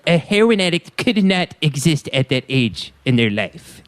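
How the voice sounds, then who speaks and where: Lively man joking on a podcast. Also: moderate pace, clean tone. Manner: animated, laughing, bursts into shrill laughs. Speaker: podcast co-host. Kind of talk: crude comedic banter.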